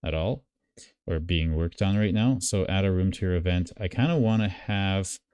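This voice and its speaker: A man's voice: sits low, normal speed, a little mellow, smooth, dry recording. A man hosting a live stream, walking through a diagram on screen and thinking aloud, with many fillers and restarts. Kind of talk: casual screen-share walkthrough.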